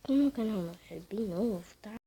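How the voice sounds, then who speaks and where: A woman's voice: mid-range voice, lively intonation, brisk, slight background noise, poor audio. Whispering Brazilian woman. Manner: whispering throughout, hushed and casual. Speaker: gaming channel host. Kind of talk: whispered gameplay commentary. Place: home at night, family asleep nearby.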